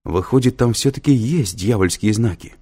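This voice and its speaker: A man reading an audiobook, voicing an eager young male student who keeps asking excited questions. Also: fairly low pitch, moderate pace, slightly rough, voice pushed up. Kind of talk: audiobook character voice.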